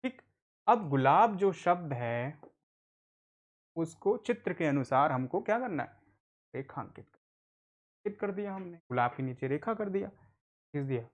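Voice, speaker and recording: A man's voice: a little high, expressive, measured pace, pauses often, lo-fi sound. A man teaching an adult literacy class, patiently spelling out words and answering his own questions. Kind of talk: online Hindi reading lesson.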